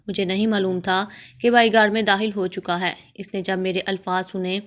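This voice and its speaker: A woman reading a first-person moral story in a steady, even way. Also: mid-range voice. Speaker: story narrator.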